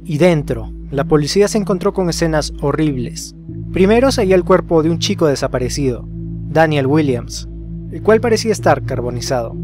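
A man narrates a scripted horror case for an explainer video, his somewhat high voice lively in intonation and a bit fast. Music plays behind him as he tells the story and asks listeners rhetorical questions.

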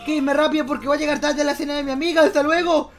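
A man runs a Minecraft roleplay with a high-pitched voice. He narrates and exclaims in a playful, exaggerated way, groaning and shouting at each surprise. Game music plays clearly behind him. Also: level tone, very fast.

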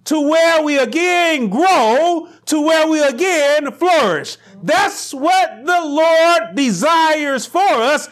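High-voiced preacher with slow emphatic delivery. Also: male voice, lively intonation. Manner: rising to near shouts on emphatic lines, slow deliberate phrasing. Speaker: pastor. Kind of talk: sermon. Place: small church room with pulpit, indoors.

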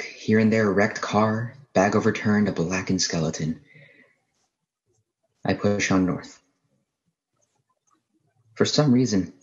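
In dramatic first-person radio play narration, a male actor voices a haunted astronomy professor who alone survived an alien invasion. His delivery is halting, brooding, and literary, in a fairly low, natural-sounding voice captured with lo-fi sound.

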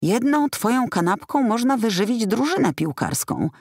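A man's voice: very high-pitched, big pitch swings, normal speed, gravelly, a little mellow, no room sound, voice pushed up, exaggerated voice. A woman voicing a sarcastic, grumbling male chef in an audiobook, with a dry, reproachful tone. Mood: wry.

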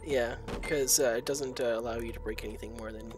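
A man's voice: mid-range voice, fairly even intonation, a little fast. Rambling man chatting over game music. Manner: rambling, laughs at his own remarks. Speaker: let's play host playing the game. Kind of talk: casual gaming chat.

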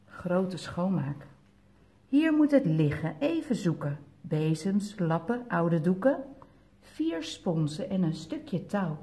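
A woman with a Dutch accent reading picture books aloud to toddlers in a gentle way, asking the children questions. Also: lowish voice, sing-song. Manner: gentle, slow storytelling that asks the children questions. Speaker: children's story reader.

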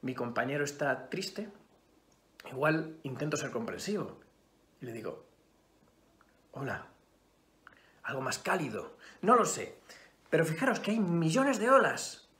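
Spanish guy teaching drama class, pitch bouncing all over, echoey room. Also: normal speed. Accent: Spain Spanish. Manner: expressive, swings between loud emphasis and hushed asides. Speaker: theatre teacher. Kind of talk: acting class lecture. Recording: roomy echo.

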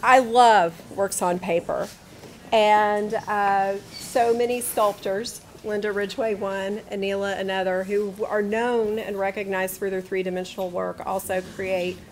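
A woman's voice: mid-range voice, fairly even intonation, a little slow, low-quality recording. A woman hosts an artist talk in a gallery, speaking with enthusiasm and asking long, winding questions. Her voice is in a middle range. A faint room hum sits behind her. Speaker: gallery host. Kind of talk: interviewing an artist.

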